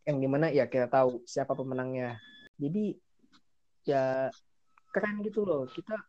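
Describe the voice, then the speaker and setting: A man's voice: mid-range voice, moderate pace, warm tone, dry recording, muffled recording. A young man from Indonesia hosting a casual podcast, explaining things informally and dropping in English phrases. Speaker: podcast host. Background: background music.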